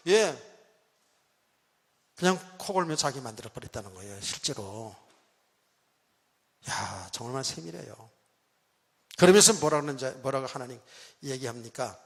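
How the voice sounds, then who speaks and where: A middle-aged male pastor preaching a dramatic sermon in a church, questioning the congregation and swinging between loud and soft. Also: fairly high pitch. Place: church sanctuary. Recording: long church hall reverb.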